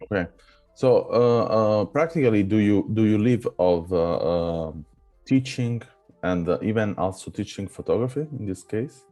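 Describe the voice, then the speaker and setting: Male host, very low mellow voice, halting questions. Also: soft background music. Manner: hesitant, halting non-native English with many fillers. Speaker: podcast host. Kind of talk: casual interview.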